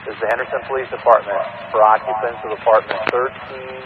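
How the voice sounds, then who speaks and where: A male police officer calling out slow, repeated commands through a megaphone outdoors at an apartment complex. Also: medium pitch, steady tone. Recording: dull scanner audio with loud outdoor noise.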